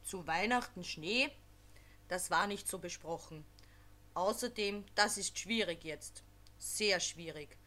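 A woman's voice: fairly low pitch, takes it slowly, sharp tone. A woman doing a fussy old Snow King. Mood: fretful. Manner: hesitant, fussy.

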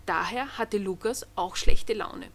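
A woman reading a Christmas storybook aloud in an expressive storytelling manner. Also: medium pitch, measured pace. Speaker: narrator.

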